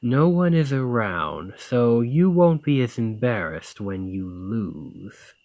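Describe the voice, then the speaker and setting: A man acts out a confident warrior lord, a dominant Nordic thane, in ASMR roleplay aimed at the listener, his manner teasing, flirtatious, commanding, and playfully challenging. His medium-pitched voice is slow and sing-song, recorded with no room sound and the highs cut off.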